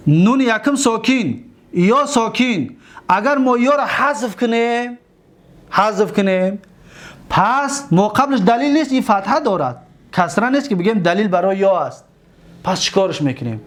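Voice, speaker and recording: Animated high-voiced male grammar teacher. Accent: Tajik. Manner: drills verb forms, spelling out word endings slowly; keeps checking students' attention. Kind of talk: Arabic grammar lesson.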